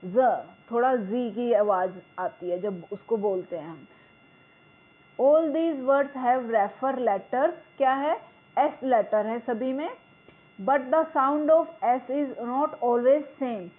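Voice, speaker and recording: A woman teacher takes a lesson at an unhurried pace. Her voice sits a little high, and she reads the English lines out deliberately before explaining them. The sound is thin and narrow, as if heard over a phone line.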